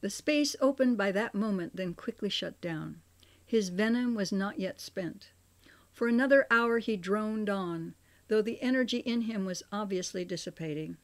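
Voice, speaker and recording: An older woman, the author, reads her own memoir aloud for an audiobook in a medium-pitched voice, measured and expressive.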